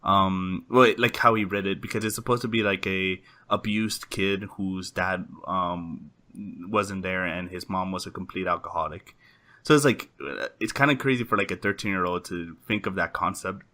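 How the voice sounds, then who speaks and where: A man's voice: low-pitched, steady tone, normal speed, sharp tone. A young man hosting a casual podcast chat, rambling with lots of "like" and "um". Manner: rambling, heavy use of "like" and "um". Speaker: podcast host.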